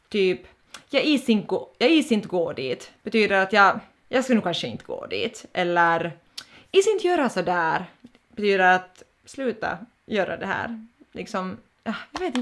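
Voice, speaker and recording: A woman in her twenties with a Finland Swedish accent, chatting playfully in a casual vlog and dropping in English phrases. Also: mid-range voice. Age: 20s. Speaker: vlogger. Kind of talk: casual vlog explaining words.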